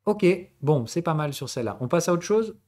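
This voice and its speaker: A trading instructor hosting a live stream, this man from southern France explains concepts conversationally and responds to chat, mixing formal and familiar address and asking "okay?" and "right?" along the way. His voice is a little high, expressive, a little fast, and a little mellow.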